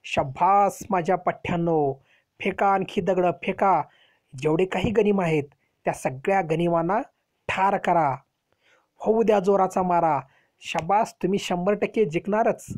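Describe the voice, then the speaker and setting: A teacher acting out a bold male warrior chief who shouts battle cries to rally his troops in a school lesson. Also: mid-range voice, moderate pace, close to an everyday voice. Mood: rousing.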